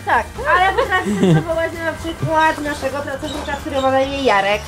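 A woman working at an animal farm, calmly explaining the animals to visitors. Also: sits high, a little fast. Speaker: farm worker and animal guide. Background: loud music.

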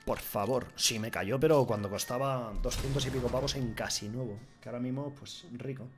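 A young man with a Spain Spanish accent, swearing often as he streams himself opening game cases, swinging from grumbling to shouting. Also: medium pitch, steady tone, brisk. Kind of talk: excited gaming commentary. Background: background music.

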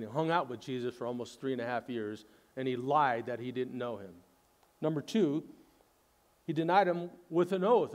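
A male pastor preaching a sermon in an earnest, conversational way, retelling scenes dramatically and dropping to a soft low voice at the ends of phrases.

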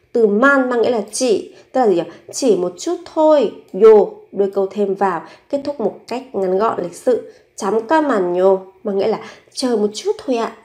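Brief: woman, language teacher, steady mid-pitched voice, slow patient drill-and-explain delivery. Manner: repeats each phrase slowly, then explains it. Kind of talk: bilingual language lesson.

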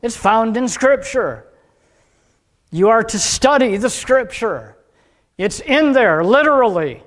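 A man serving as pastor, leading the liturgy and preaching in a measured, emphatic way, heard in a long cathedral-like echo. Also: very high-pitched, animated, fairly bright tone. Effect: long cathedral-like hall echo. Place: church sanctuary. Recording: reverberant sanctuary with congregation. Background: congregation.

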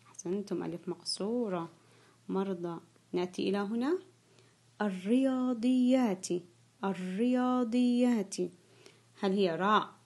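A woman playing a primary school teacher leads an online grammar lesson. She draws out key words slowly and says them twice. She quizzes the children and praises each answer. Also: mid-range voice, a little mellow. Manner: slow, drawn-out repetition of key words; frequent praise and quiz questions to pupils.

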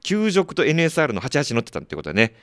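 A man's voice: a little high, wildly swooping pitch, fairly bright tone, dry recording, clean studio sound. A man hosting a community radio show, reading listener mail in a chatty, joking way with frequent laughter. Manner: chatty, laughing often, quick asides to listeners.

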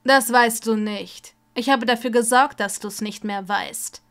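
A woman voicing a dying older wizard, bitter and cold, who rasps and often sinks to a weak whisper. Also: mid-range voice, fairly even intonation, measured pace, natural voice. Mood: furious. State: coughing, ill.

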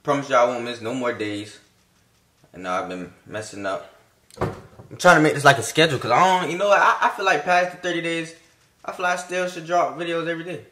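Outside with his phone camera, a young adult vlogger keeps up a rambling, slangy, encouraging stream of casual talk. He speaks fairly quickly, in a slightly high voice with a fairly bright tone.

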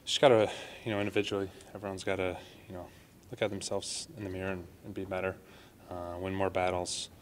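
A man's voice: low voice, little pitch movement, quick pace, a little hiss or hum. A man in his thirties, a hockey player, speaking earnestly to reporters after a game, with many "you know" fillers. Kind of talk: post-game media interview. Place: arena press room.

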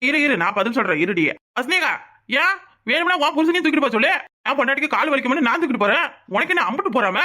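A boastful young village husband brags and fusses over his wife in a swaggering, playful manner, as a voice actor puts him on. He talks fast with a bright, forward tone and a southern Tamil accent. He is a cartoon laborer who is proud of his strength. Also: high-pitched, very animated, full character voice. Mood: cocky. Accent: southern Tamil (Tirunelveli). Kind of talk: cartoon voice acting.

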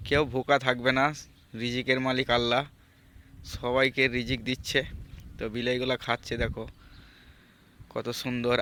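A man vlogging outdoors on a farm, chatting step by step to viewers while he works. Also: clean tone. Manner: lowers voice to talk quietly. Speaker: vlogger, migrant farm worker. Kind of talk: casual explanatory vlog.

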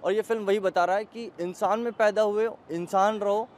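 A man's voice: high-pitched, fairly even intonation, normal speed. A man reviews a film outdoors in an emotional, poetic way, mixing Hindi and English. Faint street noise sits behind him. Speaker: moviegoer giving a film review. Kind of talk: street vox-pop interview.

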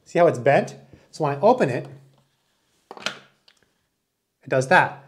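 A man's voice: fairly high pitch, big pitch swings, takes it slowly, slight background noise. A man in his forties doing a casual, enthusiastic product review, talking while he handles and demonstrates the item indoors. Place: small indoor room with wood-panel wall.

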